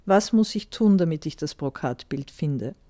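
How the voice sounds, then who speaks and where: A woman's voice: low voice, expressive, moderate pace, mellow. A woman reading a fairy tale aloud and voicing the youngest son, a brave young man who speaks firmly and earnestly. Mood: determined.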